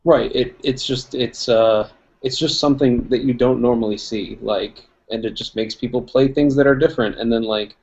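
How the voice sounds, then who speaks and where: On a dull lo-fi recording, a young man co-hosts a relaxed tabletop wargaming chat in a mid-range, darkish voice at normal speed with fairly even intonation. His talk wanders, packed with fillers and laughter.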